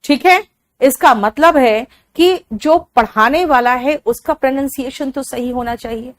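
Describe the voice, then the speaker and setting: A woman from Bihar teaching spoken English, drilling each word slowly and calling her students "beta". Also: sits high. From Bihar, India.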